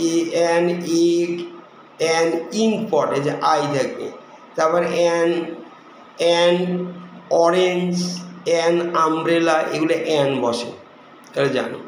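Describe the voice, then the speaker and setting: Male teacher, high-pitched, methodical, example after example; room echoes heavily. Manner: explains rules step by step with many examples; reads English examples slowly and deliberately. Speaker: English teacher. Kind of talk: spoken English lesson. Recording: very echoey room with faint noise.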